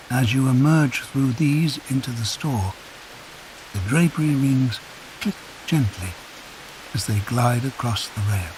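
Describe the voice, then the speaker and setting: A man narrating a guided sleep meditation in a soft, calm, unhurried storytelling voice. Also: mid-range voice, poor audio. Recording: hissy recording with rain sounds behind. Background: rain.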